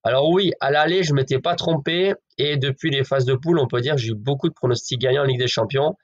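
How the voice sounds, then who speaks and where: The audio is dull, and the man speaks quickly in a mid-range voice. Chatting directly to his audience as friends, he runs through football betting predictions, hedging often with filler words.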